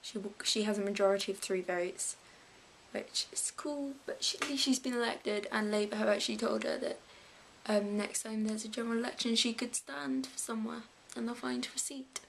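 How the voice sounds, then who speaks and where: Teenage girl, English accent, casual rambling vlog, stop-start sentences, gravelly fry, slight hiss. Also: a little high, a little fast, poor audio. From England. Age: late teens. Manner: rambling, restarts sentences often. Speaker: vlogger.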